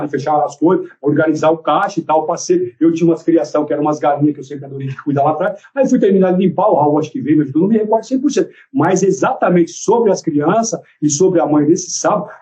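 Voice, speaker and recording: A man with a Brazilian Portuguese accent giving courtroom testimony as a defendant, telling his story in an animated way and acting out the dialogue. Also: sits high.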